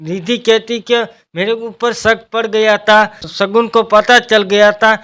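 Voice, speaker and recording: High-voiced man rambling through a recap. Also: steady tone, unhurried, a bit bright, smooth. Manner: rambling, strings events together with "then". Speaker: TV serial recap narrator. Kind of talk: casual spoken plot recap.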